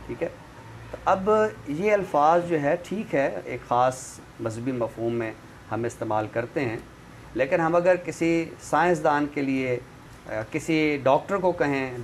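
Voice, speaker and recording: This talk show guest expert and literary commentator, a man with a Pakistani accent, discusses language and literature, teaching through examples. He has an expressive, unhurried, mid-range voice, and background noise is clearly audible.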